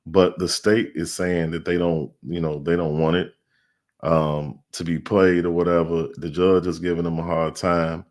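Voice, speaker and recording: A man's voice: sits low, little pitch movement, normal speed. A man hosting, casually explaining a court hearing with many fillers. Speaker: commentary host. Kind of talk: casual commentary.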